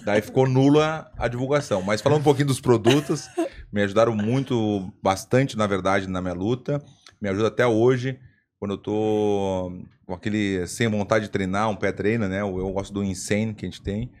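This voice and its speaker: A lower-voiced man from Brazil hosts a podcast in easygoing chat. He jokes, teases and laughs often, keeping the talk loose and playful. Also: moderate pace, a little mellow, slight background noise. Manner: jokey, laughs often, teasing. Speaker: podcast host.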